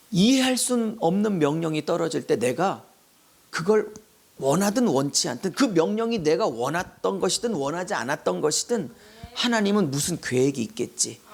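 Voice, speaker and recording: A middle-aged male pastor preaching an expository sermon. He moves between loud calls and hushed asides. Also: high voice, vocal fry.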